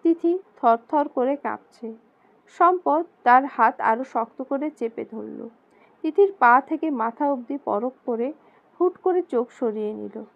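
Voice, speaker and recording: A woman narrating a romantic drama story in a steady, dramatic storytelling manner. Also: sits high, measured pace, vocal fry. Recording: slightly dull lo-fi recording.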